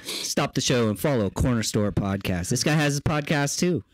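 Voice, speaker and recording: A man's voice: medium pitch, expressive, moderate pace, slight background noise. A man hosting a casual podcast, loose and joking, swearing as he talks. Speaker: podcast host. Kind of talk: casual chat.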